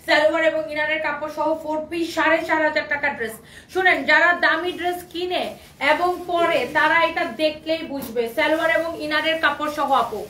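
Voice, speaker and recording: Hoarse high-voiced woman selling clothes live. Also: fairly even intonation, brisk, pushed and bright. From Bangladesh. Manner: repetitive, coaxing, mixes English phrases. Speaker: online clothing seller. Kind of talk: live-stream sales pitch. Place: clothing shop. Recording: roomy, slightly distant, faint background noise.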